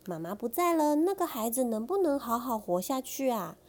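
A woman reading a picture book aloud to her child in a playful, gentle way. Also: on the high side, very animated, normal speed. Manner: playful, acts out characters with voices. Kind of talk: storybook read-aloud to a child.

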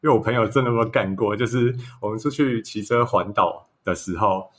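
A man with a Taiwanese Mandarin accent co-hosts a relaxed podcast. His voice sits fairly low, and he tells anecdotes in easy casual chat with frequent laughter. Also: a little fast. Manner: laughs often, storytelling. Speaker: podcast co-host.

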